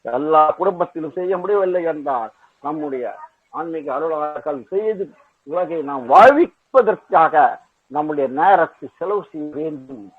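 A man's voice: a little high, measured pace, slightly rough. A man giving a spiritual talk, rising into emphatic, repeated phrases and restarting words as he goes. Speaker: spiritual speaker. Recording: tinny phone-line sound.

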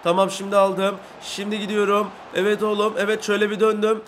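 A young man giving live commentary while playing a football video game, excitable and boastful, shouting at his teammates and chanting when he scores. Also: high voice, brisk, slight background noise. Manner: excitable, bursts into shouts and sing-song chants at goals; brags and grumbles at teammates.

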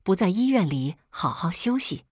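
A woman's voice: on the low side, big pitch swings, normal speed, a little mellow, breathy edge, no room sound, clean studio sound. A woman voicing the narrator's loyal, fiery best friend in a spoken story. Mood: indignant. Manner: protective, fiery.

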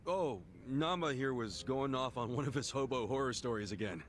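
Man playing a brash, expressive street guy. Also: medium pitch, moderate pace, slight background noise, lightly acted. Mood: joking. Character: brash, loyal adult street guy, blunt and friendly. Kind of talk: English video game drama acting.

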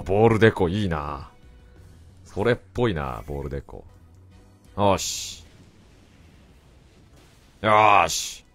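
A man giving casual, excitable commentary over his own gameplay and often shouting back at the game. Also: low-pitched. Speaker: let's play commentator. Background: faint game music.

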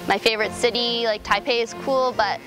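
A woman's voice: fairly high pitch, fairly even intonation, a little fast, rough recording. A young woman chatting in a documentary interview about her dragon boat team, recorded outdoors at night on a lapel mic. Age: young adult. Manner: bubbly, chatty, many "like"s. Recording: music playing underneath.

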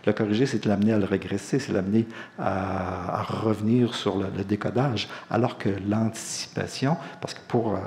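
A man with a Quebec French accent giving a relaxed, explanatory public lecture and mixing in personal anecdotes. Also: fairly low pitch, moderate pace.

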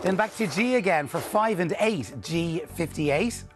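A middle-aged man hosts a televised numbers game in a fairly high male voice. He delivers scripted links and calls with clear, measured upbeat presentation. Music plays clearly behind him. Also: animated. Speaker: TV bingo presenter. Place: TV studio. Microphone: lapel mic.

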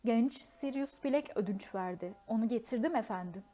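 A woman voicing a huge, gentle male giant who speaks earnestly and grows loud and tearful, in a storybook reading. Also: a little high, normal speed, natural voice.

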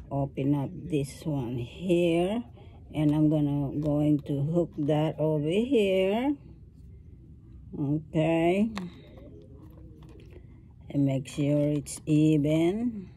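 Woman host of a craft tutorial, low mellow voice, very slow unhurried delivery, faint noise behind. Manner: slow, thinking aloud while working with her hands.

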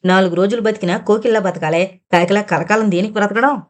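A woman's voice: medium pitch, fairly even intonation, quick pace, natural voice. A woman reading the part of a poor, domineering middle-aged mother who pushes and scolds as she persuades. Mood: scolding. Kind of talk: audiobook character reading.

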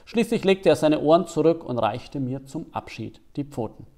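Male author reading his work aloud, expressive storyteller, animated pitch. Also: moderate pace. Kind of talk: literary reading.

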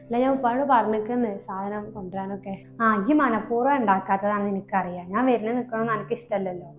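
A woman's voice: mid-range voice, steady tone, quick pace, phone-quality sound, soft background music, lightly acted. A woman with a Malabar Malayalam accent playing a complaining, taunting grown daughter who visits her family's home, in a comedy skit. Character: spiteful grown daughter, visiting sister-in-law.

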